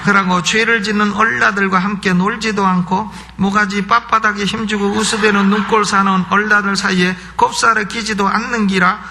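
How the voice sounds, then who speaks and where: Pastor putting on a folksy Gyeongsang dialect reader. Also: male voice, sits high, flat delivery, moderate pace, gravelly, few pauses, bright, forceful tone, a little hiss or hum, pitched above the performer's own voice, exaggerated voice. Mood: playful. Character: folksy man reading scripture in a rustic dialect.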